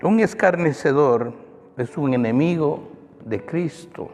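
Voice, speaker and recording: A man's voice: fairly high pitch, expressive, takes it slowly, a little mellow. A male pastor preaching a sermon in an emphatic way, often calling out to the brethren in a church. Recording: long church reverb, faint music.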